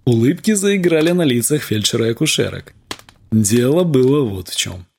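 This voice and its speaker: A man reading a literary story aloud in an expressive, theatrical way. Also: mid-range voice, normal speed, creaky, slight background noise. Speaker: audiobook reader. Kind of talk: scripted literary narration.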